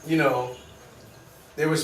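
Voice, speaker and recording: A man, a comedian guest, answering questions in a casual podcast chat, halting with frequent ums and restarts. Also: fairly high pitch, fairly even intonation. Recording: roomy, distant mic with faint noise.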